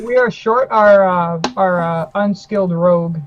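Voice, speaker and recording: A man's voice: high-pitched, a little slow, highs cut off, crowd noise. A man playing a tabletop game over voice chat, eager but hesitant, full of uh's. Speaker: player.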